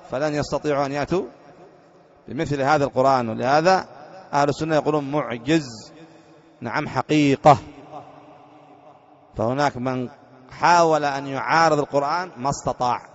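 A religious teacher from Yemen, explaining a creed text in a lecture and often posing rhetorical questions to his listeners before answering them. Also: on the high side. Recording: dull lo-fi lecture recording.

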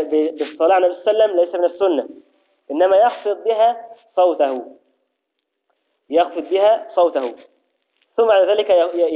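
High-voiced teacher, tinny sound. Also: male voice. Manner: explains step by step and checks understanding; recites formulas slowly and deliberately. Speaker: Islamic jurisprudence teacher. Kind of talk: religious lesson to students. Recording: tinny phone-like audio.

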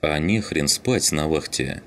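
A man doing a calm, menacing sailor. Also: very deep voice, unhurried, slight background noise, exaggerated voice. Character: cold menacing bearded sailor.

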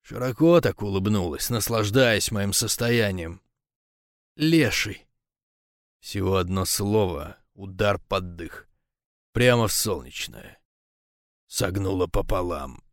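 A man narrating a first-person audiobook in a low, tense, clipped delivery. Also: unhurried, no room sound, clean studio sound.

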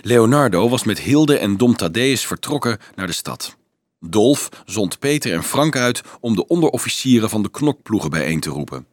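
Lively low-voiced male audiobook narrator. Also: moderate pace, dry recording. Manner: expressive storytelling. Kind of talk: scripted narration.

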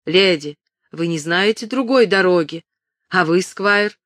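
A woman voicing a frightened, flustered older male merchant who shouts and pleads in panic. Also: high-pitched, measured pace, no echo, clean studio sound. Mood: panicked.

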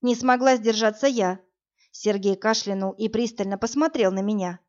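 A woman narrating a first-person audiobook in an even, measured storytelling voice. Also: medium pitch. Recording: dull lo-fi audio with faint music.

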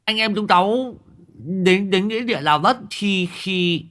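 A man's voice: normal speed, pushed and bright. A man voicing a frightened young village thief who stammers and whines as he begs for mercy. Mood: stammering. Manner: high, whiny, stammering pleas. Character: whimpering young village thief, male, pleading.

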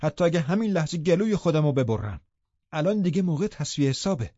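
A man voicing a bitter, vengeful young man in an audiobook, talking loud and threatening. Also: mid-range voice, husky, no echo, close to an everyday voice. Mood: raging. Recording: muffled lo-fi recording.

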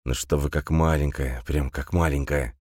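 A man's voice: rumbling low, fairly even intonation, normal speed, a little mellow, no echo, clean studio sound. A man doing a weary, repetitive country gendarme. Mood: admonishing. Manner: repeats himself, mechanical and admonishing. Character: weary middle-aged male gendarme, repetitive and fussy.

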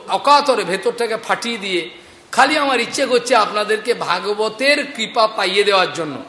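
A man's voice: sits high, sharp tone. A man with a Bengali accent giving an earnest devotional talk on scripture to an audience. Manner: earnest, anecdotal, addressing the audience directly. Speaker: preacher. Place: lecture hall in a market space. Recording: echoey hall recording with faint noise.

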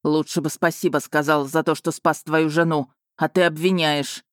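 An audiobook reader voicing a blunt, easily riled male werewolf with a gruff, growling manner. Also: medium pitch, level tone, moderate pace, dry recording, clean studio sound, close to an everyday voice. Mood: indignant. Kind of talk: audiobook character reading.

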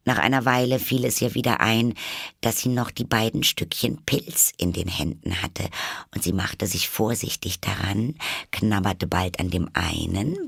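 A narrator reading a classic storybook in a slow, measured, calm way. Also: low voice, gravelly, slightly rough, no echo, clean studio sound. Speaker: audiobook narrator.

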